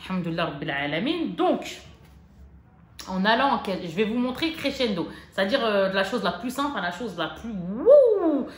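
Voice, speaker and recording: A woman vlogger chatting casually to camera about her shopping haul, excitable and joking. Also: mid-range voice, moderate pace. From France. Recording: echoey room with faint noise.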